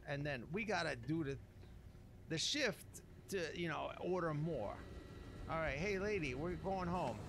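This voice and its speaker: This gamer, whose voice sits on the higher side, ad-libs relaxed commentary while he plays, griping in slangy language and tossing out gentle minced oaths. Some background noise can be heard.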